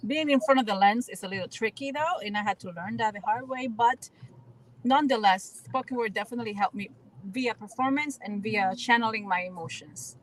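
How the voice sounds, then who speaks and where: A Dominican guest actress and spoken word artist, Spanish-speaking by birth, talks briskly in a voice on the high side during a radio interview. Earnest and reflective, she often repeats words while she finds her phrasing; the recording is rough with a little hiss or hum.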